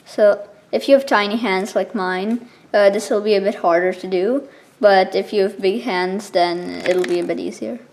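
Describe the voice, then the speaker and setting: A woman explaining something step by step in a casual, informal tutorial style, with halting pauses between steps. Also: medium pitch, steady tone, darkish tone, a little hiss or hum. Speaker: card trick tutorial presenter.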